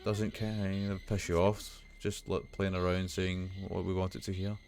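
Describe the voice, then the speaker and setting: A man, chatting casually and swearing as he plays a horror game and reads its text aloud. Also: low voice. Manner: swears freely, reads text in a slow monotone. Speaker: streamer playing a horror game. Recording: dull lo-fi stream audio with faint game music.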